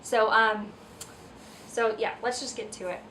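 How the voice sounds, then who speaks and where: A woman's voice: a little high, little pitch movement, measured pace, pushed and bright. A woman wedding photographer, slightly out of breath, chatting casually with lots of ums and restarts as she shows off an album at home. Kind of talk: casual video vlog. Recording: slightly distant mic, faint household noise. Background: kids screaming upstairs.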